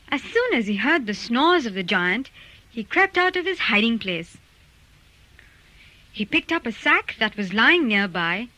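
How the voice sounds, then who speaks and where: A woman narrating a children's storybook recording with lively, expressive storytelling. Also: on the high side, dry recording, poor audio.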